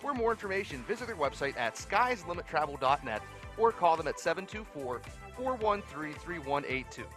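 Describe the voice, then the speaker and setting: A man reading a commercial in a measured, steady way, his voice a bit high. Music plays clearly underneath.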